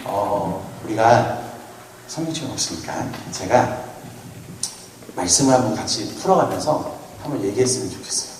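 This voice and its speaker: A man in his thirties giving a playful, lively sermon at a retreat, often asking the audience questions. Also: lowish voice, normal speed. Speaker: retreat speaker. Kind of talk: lively youth sermon with jokes. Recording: echoey hall, mic from far off, faint noise.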